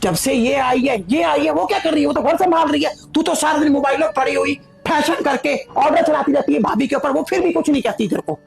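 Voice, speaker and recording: Woman acting as a stern middle-aged mother, high voice, lecturing, faint music behind. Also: quick pace, gravelly, hardly any pauses, darkish tone. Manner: scolding, lecturing, emphatic repetition. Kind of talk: family drama acting.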